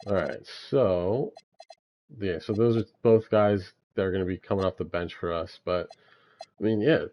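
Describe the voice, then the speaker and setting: With a fairly low, mellow voice over a faint hiss or hum, a young man thinks aloud through a basketball franchise game. His relaxed YouTube commentary is full of fillers.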